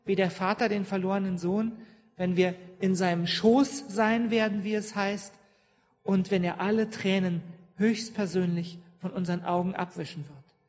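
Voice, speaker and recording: A woman's voice: mid-range voice, steady tone, normal speed, darkish tone. A woman pastor giving a sermon to her congregation, often asking them questions and checking in with "ja?". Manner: engages the congregation with questions and frequent "ja?". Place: church. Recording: long church reverb.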